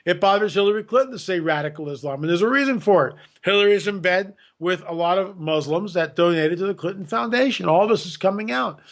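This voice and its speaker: A man with a high-pitched voice talks as a podcast guest. He speaks emphatically and with strong opinions, repeats words often and slips into mocking impressions of other people. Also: fast, few pauses.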